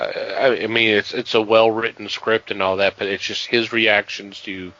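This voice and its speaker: A man co-hosting a podcast, talking casually and haltingly, often repeating words. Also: fairly low pitch, bright, forceful tone. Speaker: podcast co-host. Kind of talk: casual chat. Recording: dull lo-fi sound.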